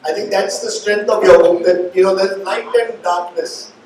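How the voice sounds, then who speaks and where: A man's voice: high-pitched, fairly even intonation, moderate pace, darkish tone. A middle-aged man with an Indian accent, hosting a live interview with long, reflective, meandering questions. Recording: echoey room, distant mic, faint noise.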